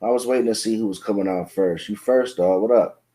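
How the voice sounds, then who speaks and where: A man's voice: fairly low pitch, a little fast, mellow. A man co-hosting a podcast in laid-back, conversational chat full of slang. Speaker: podcast co-host.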